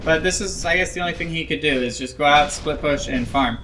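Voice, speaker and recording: Rambling young man with a bright voice. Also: on the high side, fairly quick, a little hiss or hum. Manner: rambling, self-critical, full of ums and likes. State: drowsy, yawning. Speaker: gameplay analyst. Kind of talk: casual commentary over his own match footage.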